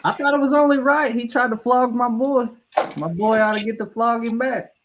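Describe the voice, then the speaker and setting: A man's voice: extremely high pitch, normal speed, background noise. A middle-aged man telling a rambling, profane story in casual talk, laughing at his own tale and restarting sentences as he goes. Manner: restarts and stumbles mid-sentence.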